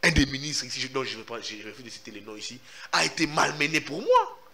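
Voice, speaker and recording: A man's voice: mid-range voice, sing-song, fast, vocal fry, sharp tone. A man speaking French with a Congolese accent, a journalist giving emphatic, insistent answers in an interview. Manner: emphatic and insistent, repeats himself. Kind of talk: animated interview answers, mixing in Lingala.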